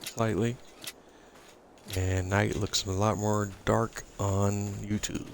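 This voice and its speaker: Gravelly deep man losing his voice. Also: little pitch movement. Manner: slow, explanatory, with filler pauses. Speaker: gaming streamer. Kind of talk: casual live gameplay commentary. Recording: loud game noise behind voice. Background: game vehicle and ambience sounds.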